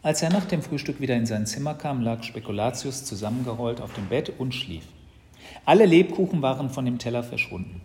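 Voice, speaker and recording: Male audiobook narrator, lively, mid-pitched, animated storytelling. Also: a little fast. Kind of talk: children's audiobook reading.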